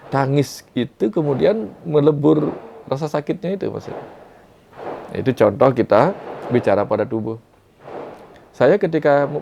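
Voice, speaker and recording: A man giving a calm, reflective spiritual talk, sometimes acting out inner dialogues softly. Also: mid-range voice, vocal fry, slight background noise. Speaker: guest speaker.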